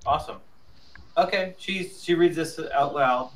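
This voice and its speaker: A man's voice: on the high side, unhurried, a bit bright. A man playing in a tabletop game over voice chat, chatty and eager to jump in. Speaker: player. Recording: distant mic with faint noise.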